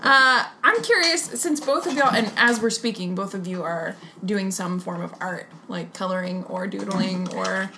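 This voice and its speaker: A woman's voice: medium pitch, normal speed, few pauses, bright, forceful tone, slight background noise. A woman co-hosting a casual podcast, giggly and rambling as she asks questions. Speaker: podcast co-host. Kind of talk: casual chat.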